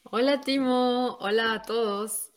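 A woman's voice: on the high side, steady tone, slow. An Ecuadorian woman in her thirties, co-hosting a podcast in an earnest, thoughtful way and sometimes correcting herself. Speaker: podcast co-host. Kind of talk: casual podcast chat.

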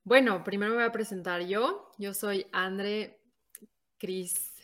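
A woman's voice: medium pitch, takes it slowly, a bit bright. An Ecuadorian woman in her thirties, co-hosting a podcast in an earnest, thoughtful way and sometimes correcting herself. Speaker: podcast co-host. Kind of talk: casual podcast chat.

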